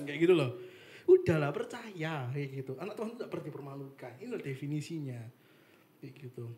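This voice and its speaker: A young man giving a casual devotional talk, chatty and animated, with lots of fillers. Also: fairly high pitch. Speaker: devotional speaker. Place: apartment meeting room with live and online audience.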